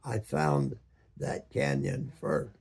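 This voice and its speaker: Very old man, gravelly, slow and halting. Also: mid-range voice, very animated, a little mellow. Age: over 100, very old man. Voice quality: very aged, gravelly, husky voice. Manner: halting, with long searching pauses and many ums. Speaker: retired boat captain. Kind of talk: slow reminiscing storytelling.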